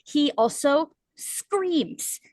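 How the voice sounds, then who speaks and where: Woman, high pitch, dry close sound, casual podcast chat, emphatic explaining. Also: extremely slow, no room sound. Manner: explains at length, lively and emphatic. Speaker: podcast co-host. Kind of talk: casual book-discussion chat.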